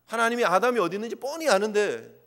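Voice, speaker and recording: Expressive and fast, this pastor's voice sits high with a fairly bright tone. He delivers a fervent sermon in the sanctuary, sometimes performing God's quoted words, and the room's long reverb carries through.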